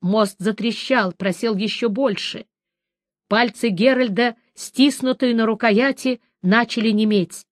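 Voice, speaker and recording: Measured woman reading a fantasy audiobook. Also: a little high, dry recording, clean studio sound. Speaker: audiobook reader.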